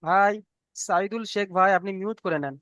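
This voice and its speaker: An online Quran reading teacher who goes over each letter rule slowly. The teacher repeats every point several times and keeps checking that the students follow. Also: medium pitch, fairly bright tone, no room sound, muffled recording. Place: online video class, students on mute.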